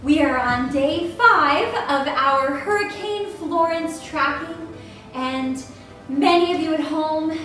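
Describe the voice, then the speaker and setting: Woman as mock-serious female news anchor, high and dramatic, distant mic, parody bulletin. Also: fairly bright tone, exaggerated voice. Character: earnest, alarmist female local TV news anchor. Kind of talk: parody newscast. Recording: very echoey room, distant mic.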